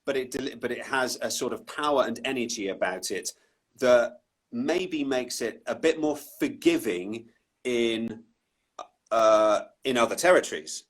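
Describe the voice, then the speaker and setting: A man with a Southeast English accent, a voice-over artist talking casually in an interview, animated and self-deprecating, with many restarts. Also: medium pitch, measured pace. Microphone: Instagram live call.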